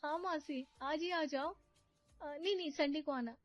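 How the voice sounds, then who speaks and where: A woman voicing a sweet, polite newlywed young niece who speaks softly. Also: sits high, a little slow, highs cut off, soft background music, voice pushed up. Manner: sweet, polite, soft-spoken.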